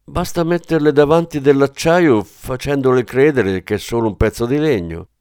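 A man voicing a cunning male gangster boss in an audiobook, calm and scheming. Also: mid-range voice, moderate pace, clear, resonant tone, dry recording, clean studio sound, voice pushed up, close to an everyday voice.

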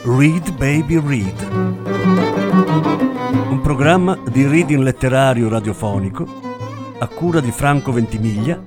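A man announces a radio reading program in a slow, formal voice. Loud violin music plays behind him the whole time. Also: medium pitch.

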